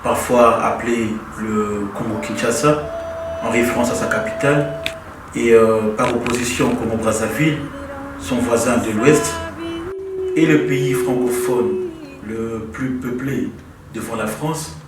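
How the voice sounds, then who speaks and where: A man narrating a documentary in a measured way, listing facts. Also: medium pitch, background noise. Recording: roomy, distant, with music behind.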